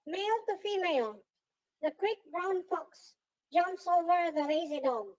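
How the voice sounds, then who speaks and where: A man reading a test sentence through a voice changer that shifts his pitch up and down. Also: moderate pace. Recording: distant roomy voice with long reverb.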